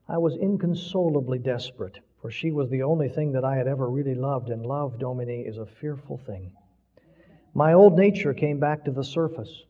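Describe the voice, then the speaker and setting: A man voicing a dying older man tormented by guilt, speaking hoarsely in a weak, broken, hushed voice. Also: medium pitch, natural voice. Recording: dull lo-fi recording with long hall reverb.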